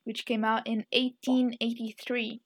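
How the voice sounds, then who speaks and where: A woman's voice: on the high side, flat delivery, a little slow, husky. A woman in her twenties co-hosting a podcast in casual chat, with dry, blunt asides. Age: 20s. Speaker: podcast co-host.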